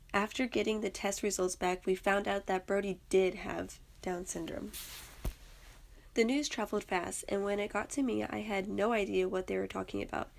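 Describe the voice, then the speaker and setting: Young woman reading a story, gravelly. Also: medium pitch. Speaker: student narrator. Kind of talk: personal story read aloud.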